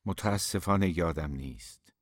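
A man's voice: lowish voice, dry recording, studio quality, close to an everyday voice. A man reading an audiobook, voicing a troubled young poet who speaks in a hesitant, subdued way.

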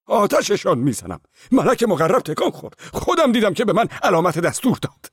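A man doing a shrill, frenzied old monk. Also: sing-song, breathy edge, dry recording, clean studio sound, exaggerated voice. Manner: shrill, wailing cries.

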